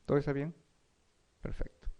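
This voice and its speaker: Speaking at normal speed in a mellow voice, a male medical lecturer runs an exam review session. He reads each question aloud, walks through the explanation, and frequently checks in with the students.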